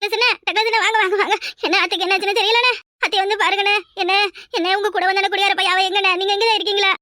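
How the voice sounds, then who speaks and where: A woman's voice: extremely high pitch, fairly even intonation, very fast, bright, forceful tone, no echo, studio quality. A woman voicing a frantic young daughter-in-law. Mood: accusing. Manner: panicked, wailing, accusing. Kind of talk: cartoon voice acting.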